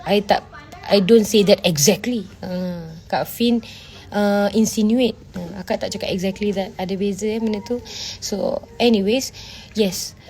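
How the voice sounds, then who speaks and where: Her tone is warm and her pace measured, at a mid-range pitch. This Malaysian Malay-accented woman hosts an easygoing livestream where she scolds her audience, answering comments bluntly in Malay mixed with English and often asking "faham tak?".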